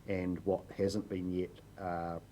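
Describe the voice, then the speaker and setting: Very deep, flat-voiced male official. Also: slight background noise. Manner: measured, hesitant fillers. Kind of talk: procedural reply.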